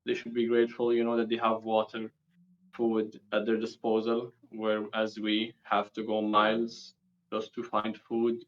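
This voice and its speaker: A young man born and raised in the UAE, Palestinian, speaking casually as a guest over a video call, slangy and quick in bursts. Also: lowish voice, completely flat delivery, dull audio.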